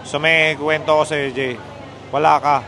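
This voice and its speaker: Brief: animated male host, high voice, faint street noise, casual storytelling. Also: unhurried. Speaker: motorcycle club host.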